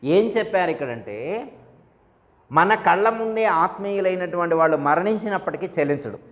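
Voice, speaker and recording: A man's voice: high-pitched, expressive, normal speed, fairly bright tone. A man, a guru, giving a devotional discourse to his disciples, telling stories and asking his listeners questions. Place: ashram hall. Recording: long hall reverb.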